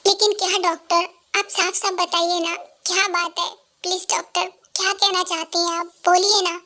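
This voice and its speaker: A woman's voice: very high voice, flat delivery, brisk, fairly bright tone. A woman playing a desperate dying mother. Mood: desperate begging. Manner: begging, urgent. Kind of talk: Hindi fan dub.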